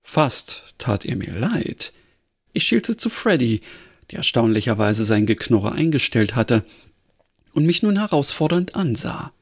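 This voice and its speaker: Lively, gravelly male story reader. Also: medium pitch, a little slow. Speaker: podcast host. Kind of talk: reading a crime story aloud.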